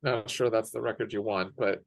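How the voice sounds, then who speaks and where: A man's voice: lowish voice, fairly even intonation, normal speed, vocal fry, no echo. A man making brief, dry remarks in a casual discussion. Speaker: participant.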